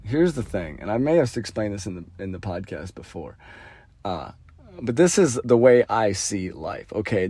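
A man talks alone into the mic, thinking aloud in an earnest, meandering way and often trailing off softly. His voice sits at an ordinary middle pitch. The sound is dry and close, with no room around it. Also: no echo. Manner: rambling, heavy with fillers, trails off quietly. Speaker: podcast host. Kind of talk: reflective solo monologue.

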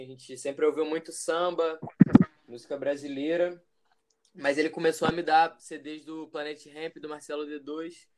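A man in his twenties from Brazil, a musician guest talking in a relaxed, reflective way about his path. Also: on the high side. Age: 20s. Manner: relaxed, reflective, rambling with fillers. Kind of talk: casual interview.

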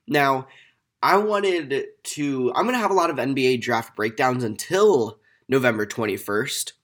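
A man's voice: medium pitch, unhurried. Young male podcast host, stuffy nose from a cold, loose rambling delivery with lots of filler. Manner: relaxed, rambling, many ums. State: congested from a cold. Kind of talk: casual solo podcast talk.

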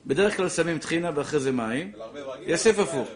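A man leads a classroom lesson in an animated, slightly high voice. He repeats his key points and acts out short scenes for his students. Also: a crowd in the background. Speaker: Torah teacher. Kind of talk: lively classroom halacha lesson.

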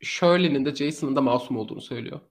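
Guy on a true crime podcast, talks super fast, gets animated and laughs a lot. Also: mid-range voice. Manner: animated storytelling, laughs often. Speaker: podcast co-host telling a true crime story.

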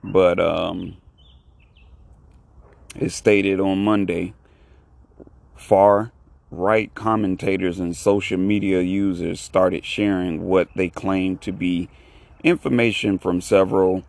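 A man hosting a solo podcast in casual talk, keeping his voice low and hushed, in halting short phrases. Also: steady tone, gravelly, no echo. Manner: low, hushed talking so as not to disturb someone. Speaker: podcast host.

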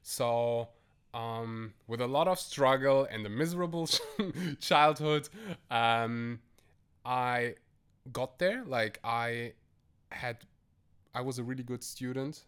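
A German man joins a podcast as a guest, speaking casually from a bedroom at home in a relaxed conversational interview. His mid-range voice is slow, a bit bright and smooth, and his delivery is hesitant, full of restarts and laughs.

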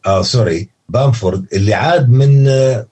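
A man with a Levantine Arabic accent giving casual football analysis as a podcast guest, halting and correcting himself, in a husky, rough-edged voice. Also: medium pitch, dark tone.

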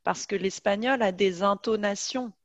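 A woman's voice: medium pitch, moderate pace, dry recording, lo-fi sound. A woman hosting a casual interview chat, prompting her guest and finishing her sentences. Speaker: podcast host.

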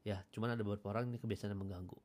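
Casual low-voiced radio man. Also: fairly even intonation, very fast, darkish tone. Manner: casual, mixes English phrases, clears throat often. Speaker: radio announcer giving tips. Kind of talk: casual Jakarta-slang talk.

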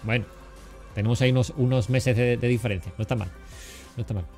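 A man's voice: mid-range voice, fairly even intonation, quick pace, warm tone. Man, 40s, from Cádiz, joking interview host with lots of fillers, faint music behind. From Cádiz, Spain. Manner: banters and teases, many fillers and restarts. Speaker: podcast host. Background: faint background music.

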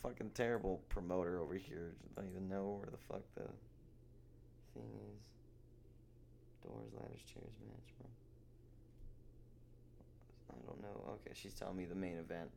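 A man's voice: low voice, animated, moderate pace, vocal fry, pauses often, a little mellow, a little hiss or hum. A young man hosting a casual solo podcast, rambling and swearing, with a sarcastic streak. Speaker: podcast host.

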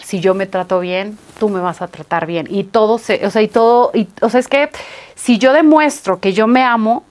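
A young woman, an actress guest chatting casually in an interview, telling stories with lots of laughter and acting out quoted lines. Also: medium pitch. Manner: animated storytelling, acts out quoted lines, laughs often.

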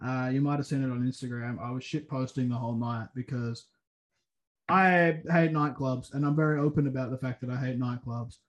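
A man's voice: medium pitch, fairly even intonation, a little fast, rough recording. A man, hosting a casual podcast chat in a crude, rambling way. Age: 20s. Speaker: podcast host.

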